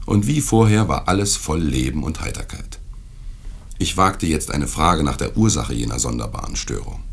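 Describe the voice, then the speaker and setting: A man narrating a classic tale in an expressive, deliberate manner. His very deep voice is husky and gravelly. His pitch moves a lot as he tells it. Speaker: reader. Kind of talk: dramatic reading of a classic tale.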